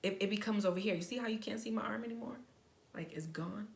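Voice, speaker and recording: A young adult woman vlogger giving casual advice to the camera, talking excitedly and rambling, often stuttering and restarting. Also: mid-range voice, fast talker, gravelly.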